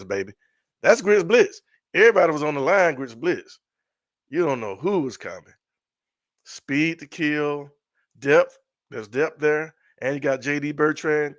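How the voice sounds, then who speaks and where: A middle-aged man hosting a casual live sports stream, excitable and repetitive, often trailing off mid-sentence. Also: fairly low pitch, no room sound, studio quality. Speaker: sports show host.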